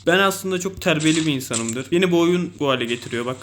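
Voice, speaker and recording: A young man with a Turkish accent giving excitable, self-mocking commentary over mobile game play. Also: a little high, fast, noisy background. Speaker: gaming YouTuber.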